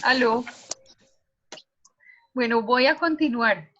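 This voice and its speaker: Female teacher lecturing over a video call; high, bright, questions the class. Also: takes it slowly, highs cut off. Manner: explanatory, asks students questions.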